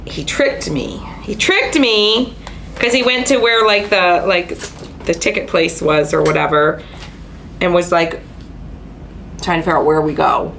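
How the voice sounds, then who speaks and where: This craft channel host's voice is fairly low and creaky, her pace measured and broken by long pauses, on a poor recording with a little hiss or hum. Congested and nasal from allergies, she chats on a casual live stream, telling stories with lots of fillers and excited asides.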